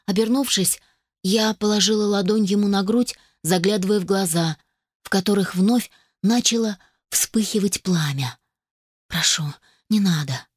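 A woman reading a first-person novel aloud as an audiobook narrator, in an even, steady manner. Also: medium pitch, moderate pace, no echo, studio quality.

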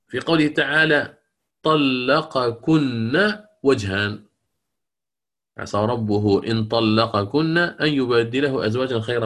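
A middle-aged man teaching the rules of Quran recitation, explaining patiently, reciting words slowly and checking that students follow. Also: mid-range voice. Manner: closes with a long supplication. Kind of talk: lecture on Quranic reading rules.

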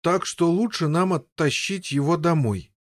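A man reading an audiobook, voicing Gaheris, a slow-witted boy who speaks in a flat, plodding way. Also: fairly high pitch, dry recording, clean studio sound, pitched above the performer's own voice, natural voice.

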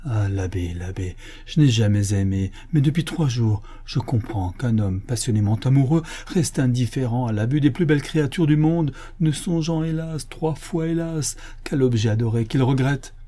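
A man's voice: mid-range voice, moderate pace, hardly any pauses, warm tone, lightly acted. Man reading as a lamenting gluttonous canon. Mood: desperate. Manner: anguished, theatrical lamenting. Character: gluttonous older male canon, lovesick for lost food. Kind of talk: audiobook reading of a classic novel.

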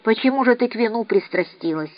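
A woman voicing a kind, gentle man who speaks softly and earnestly, in an audiobook reading. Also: fairly high pitch, lively intonation, fast, dry recording, natural voice. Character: kind, gentle grown man, pleading and caring. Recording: dry, slightly dull recording.

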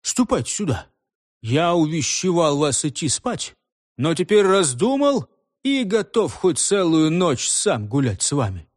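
A man's voice: on the high side, big pitch swings, measured pace, no room sound, studio quality. A man voicing a bold young villager who mocks his father and rallies his friends. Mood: rallying. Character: bold young male villager, mocking and defiant.

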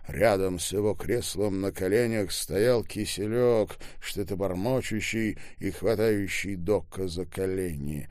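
A man narrating an audiobook in a steady, even reading. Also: deep voice, measured pace, hardly any pauses, no echo, clean studio sound. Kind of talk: scripted narration.

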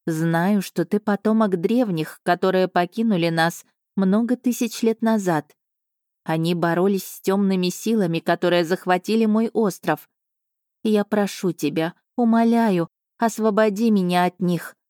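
A woman narrator gives voice to an ancient female spirit of an island, pleading slowly and solemnly in an audiobook reading. Her medium-pitched tone is mellow and dark, close to an everyday voice, and the recording is close and dry.

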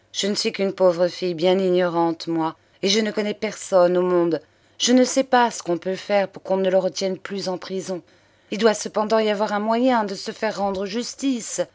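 A humble young woman, pleading yet determined, as a woman reads her aloud. She speaks earnestly, with urgent questions, in an audiobook voice of middle pitch. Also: natural voice.

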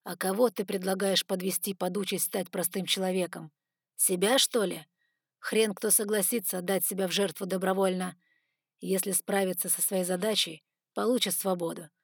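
A woman reading the part of a blunt, gruff male fire dragon leader in a storybook audiobook. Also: medium pitch, steady tone, normal speed, no echo, studio quality. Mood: commanding.

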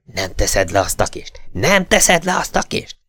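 A man's voice: on the low side, sing-song, fairly bright tone, slightly rough, dry recording, studio quality, full character voice. A man voicing a panting brawler who keeps repeating himself in a fight in a storybook reading. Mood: panting fury.

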